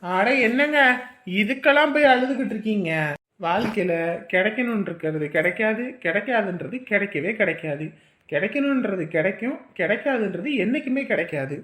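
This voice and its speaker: A man's voice: high voice, expressive, normal speed, a bit bright. A man playing a nosy, well-meaning young man who pleads that he only meant to comfort. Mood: pleading. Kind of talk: web series acting.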